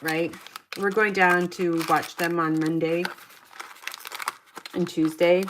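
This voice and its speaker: A middle-aged woman with a fairly low voice chats her way through a paper craft tutorial against a noisy background. As the demonstrator, she talks to herself while she works.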